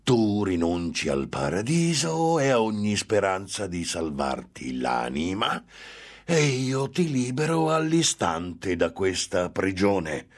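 A man voicing a scornful, menacing male demon tempter in an audiobook reading, slow and drawn out, swelling into shouts. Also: deep voice, big pitch swings, pitched above the performer's own voice, full character voice. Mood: coaxing.

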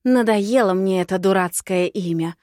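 A woman voicing a scheming, cruel witch who taunts in drawn-out, sing-song phrases. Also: medium pitch, dark tone, no room sound, clean studio sound, natural voice. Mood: gloating. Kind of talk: audiobook character voice.

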